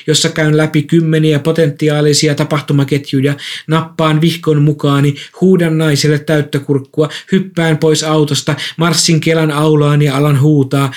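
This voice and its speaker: A man with a slightly high voice reads a first-person story aloud. His telling stays calm and measured from line to line. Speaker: narrator.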